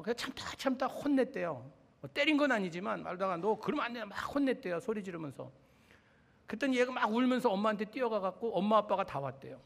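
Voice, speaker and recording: A man's voice: high voice, vocal fry. A male pastor giving a conversational sermon, retelling conversations and building emphasis. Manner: conversational preaching with rising emphasis and retold dialogue. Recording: reverberant hall.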